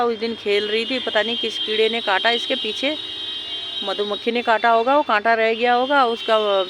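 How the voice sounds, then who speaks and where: A woman filming her dogs outdoors in a park, talking to them in a high coaxing or scolding voice and explaining them calmly to her viewers. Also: background noise. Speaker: dog owner vlogger. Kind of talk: casual narration to camera.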